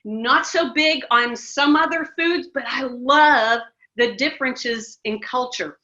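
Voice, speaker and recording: Speaking slowly in a high-pitched, pushed, bright voice, a middle-aged American ministry director talks emphatically as a guest in a relaxed interview. She restarts many times, and the audio is muffled and lo-fi.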